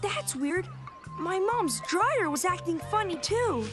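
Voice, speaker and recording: A curious cartoon schoolkid, extremely high and youthful. The tone is friendly, with loud music underneath. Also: female voice, big pitch swings, slow pace, full character voice. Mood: curious, eager. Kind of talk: children's cartoon acting.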